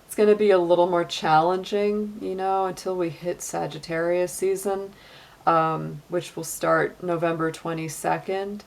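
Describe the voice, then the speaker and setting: Low-pitched with vocal fry and little movement in pitch, a middle-aged woman reads tarot at a measured pace. The reading is casual and chatty, with frequent laughs and many "like" and "you know" fillers.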